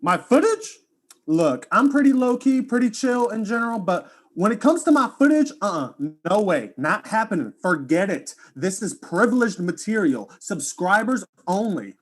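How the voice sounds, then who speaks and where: A man's voice: high voice, very animated, normal speed. An actor playing a laid-back young male video streamer in a student audio drama, talking in casual slang.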